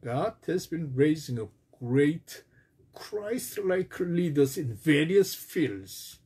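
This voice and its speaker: Male pastor preaching real slow, husky, voice swings up and down a lot. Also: mellow. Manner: slow, emphatic preaching with wide pitch swings. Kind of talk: sermon.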